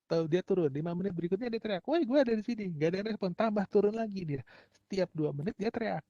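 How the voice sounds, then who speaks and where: A man's voice: sits high, fast talker, no room sound, lo-fi sound. A male university lecturer from Indonesia, giving a casual, joking lecture and acting out examples. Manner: chatty, joking, acts out phone and tower shouting.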